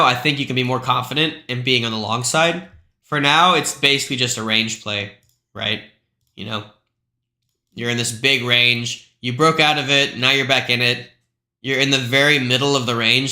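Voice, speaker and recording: A man's voice: medium pitch, sharp tone, echoey room. A man hosting a live stream, talking through price charts in a loose, chatty way with lots of asides. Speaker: crypto live stream host.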